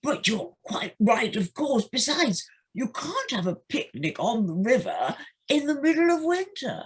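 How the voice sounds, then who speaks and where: A woman's voice: fairly high pitch, big pitch swings, a little slow, breathy edge, full character voice. A woman playing an impulsive, scheming male toad in an audio play, with a theatrical, wheedling manner. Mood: sly, wheedling. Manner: theatrical, wheedling, hesitant stammers. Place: living room, recorded over video call.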